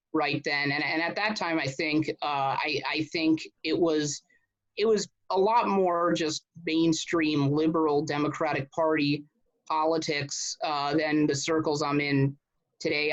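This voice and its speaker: Here the Connecticut man in his thirties, a casual interview guest prone to restarts and repeated words, has a voice that's a little high with a fairly bright tone. The sound is muffled and dull.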